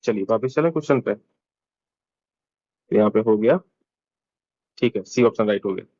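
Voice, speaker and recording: A man's voice: lowish voice, lively intonation, measured pace, mellow, no room sound, dull audio. A man teaching an exam-prep lesson in a casual, chatty way, explaining each answer step by step and mixing in English terms.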